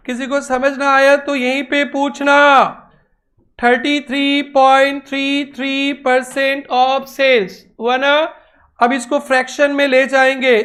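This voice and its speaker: Male classroom accounting teacher with a high voice and an unhurried pace, who keeps prompting students to answer. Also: bright, forceful tone. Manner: coaxing, repeats prompts to the class. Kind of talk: classroom lecture.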